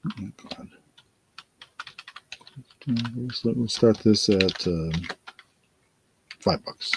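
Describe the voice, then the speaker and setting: A man hosts a laid-back live auction, his voice low and gravelly. He talks slowly and tiredly, wandering through his thoughts with plenty of fillers. Loud keyboard typing clatters in the background. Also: background noise. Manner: unhurried, rambling, thinks aloud with many fillers. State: tired, yawning. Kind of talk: casual live-stream auction talk.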